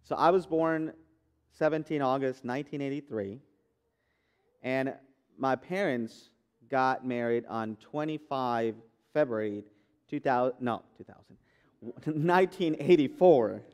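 A man's voice: mid-range voice, a little slow, a little mellow, smooth. Man, 30s, pastor, conversational sermon, fillers and restarts, resonant tone. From Guatemala. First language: Spanish. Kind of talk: sermon testimony. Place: church sanctuary.

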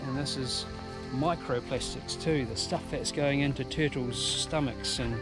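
A man's voice: medium pitch, a little slow, music in the background, rough recording. Earnest plain-spoken New man. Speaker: sailing vlogger. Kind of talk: casual vlog narration.

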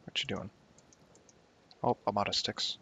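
A young man at home offers casual, rambling gameplay commentary, joking at himself and talking to himself as he plays for his YouTube channel. He has a lowish, gravelly, slightly rough voice with a sharp tone, fairly even intonation and a measured pace, captured in a dull lo-fi home recording.

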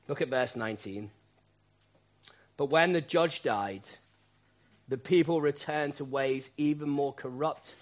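A man preaching a sermon, asking rhetorical questions and repeating key phrases, moving between quiet asides and loud emphatic peaks. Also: mid-range voice.

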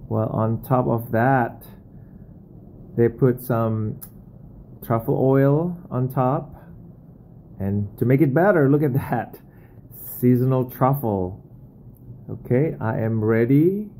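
Mellow and mid-range, this forties-aged food vlogger's voice comes through poor audio, with the sounds of a small restaurant in the background. He relishes every bite of his meal in a casual vlog, letting out long, enthusiastic exclamations.

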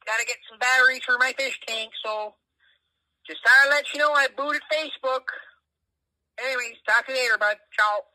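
A man's voice: very high-pitched, moderate pace, bright, forceful tone, full character voice, rough recording. A man voicing a blunt, folksy, foul-mouthed Canadian uncle leaving a comedic voicemail, heard through a phone speaker. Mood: grumbling. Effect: phone voicemail playback. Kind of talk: comedic phone message monologue.

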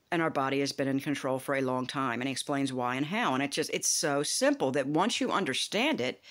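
Rambling, foul-mouthed woman in her fifties. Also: sits low. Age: 50s. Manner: rambling, profane, emphatic. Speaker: vlogger. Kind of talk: casual self-help monologue.

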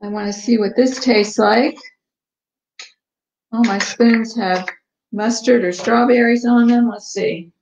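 A woman hosts a casual live cooking stream from her home kitchen, chatting in a relaxed way with lots of ums and eating as she talks. Her voice is fairly high and slow, with frequent pauses. The livestream audio sounds echoey and dull, with slight background noise.

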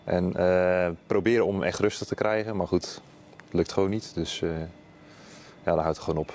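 Low-voiced police officer giving a statement. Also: male voice, normal speed, a little hiss or hum. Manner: calm, hesitant, many fillers. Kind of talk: interview statement.

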